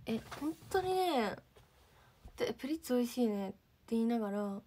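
A teenage girl chats on a livestream, her voice sitting a little high. She has a lilt, keeps thanking viewers, and often slips into hushed, near-whispered asides. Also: expressive, normal speed, a little hiss or hum. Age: teens. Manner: chatty, reads and thanks viewer comments, drops to near-whispers. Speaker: idol livestreamer. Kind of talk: casual livestream chat.

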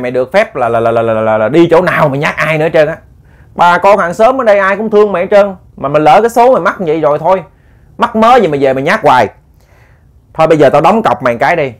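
A man's voice: on the high side, close to an everyday voice. A man voicing a stern rural man who bluntly scolds a ghost at its grave.

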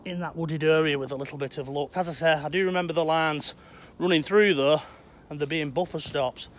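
A middle-aged man with a broad Lancashire accent talks to his viewers in an easy, chatty way as he walks through winter woodland. His voice sits slightly higher than most men's. He is filmed outdoors on a phone held at arm's length. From England. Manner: chatty, addresses viewers as "Hot Potters". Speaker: vlogger exploring old railway sites. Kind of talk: walking outdoor vlog to camera. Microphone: phone camera held at arm's length.

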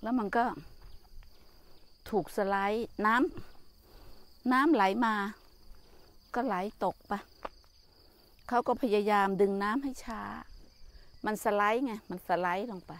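An older woman, a Buddhist nun, giving a gentle, motherly talk about nature and mindfulness while walking outdoors. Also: mid-range voice, slow, long pauses. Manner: gentle, motherly, speaks to listeners as children. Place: outdoors in a garden with trees.

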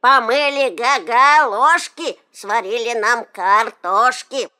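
A woman reciting a children's rhyme in a sing-song, measured kindergarten teacher manner. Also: on the high side, pushed and bright.

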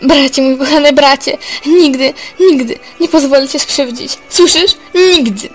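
A woman's voice: high-pitched, a little slow, faint music behind, voice pushed up. A woman reading the lines of a sultana devoted to her brother, in a passionate, vowing voice.

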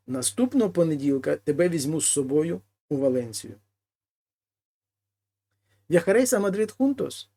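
A man teaching a language lesson: he reads each example phrase, then translates it slowly and explains it. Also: a little high, warm tone. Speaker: Spanish teacher.

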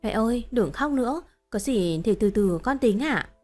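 A woman voicing a dutiful pregnant young wife in a told story, soft and polite. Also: a little high, lively intonation, moderate pace, faint music behind. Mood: meek.

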